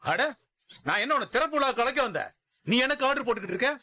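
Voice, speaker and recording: Bossy cop, sharp and forceful, higher-pitched. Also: male voice, very animated, fast, no echo, heavily acted. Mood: commanding. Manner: gruff, commanding, taunting. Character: brusque police officer making an arrest. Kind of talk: TV serial acting.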